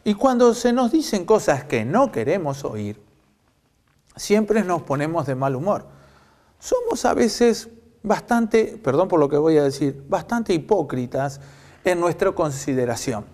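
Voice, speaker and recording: A man with an Argentine accent preaching a sermon, telling a story reflectively with many pauses. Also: a little high, sing-song, darkish tone. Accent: Argentine Spanish. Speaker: pastor.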